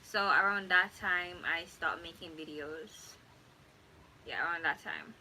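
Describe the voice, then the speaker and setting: A woman's voice: on the low side, unhurried, a little hiss or hum, rough recording. A young woman from Jamaica chatting casually and rambling on her first live stream from home, correcting herself as she goes. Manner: rambling, relaxed, self-correcting. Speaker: YouTuber. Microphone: phone. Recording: faint background ambience.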